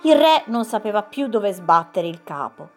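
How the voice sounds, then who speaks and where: A woman reading a fairy tale aloud as a storyteller, expressive, with dramatic pauses. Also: medium pitch, faint music behind.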